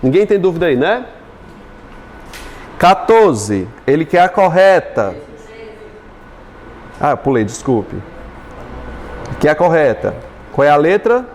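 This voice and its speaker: A man with a Brazilian Portuguese accent teaching an exam-prep lesson, chatty and joking, stretching words out slowly as he splits syllables. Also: on the high side, sing-song, darkish tone, slight background noise. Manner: chatty, jokes with students, spells words out slowly.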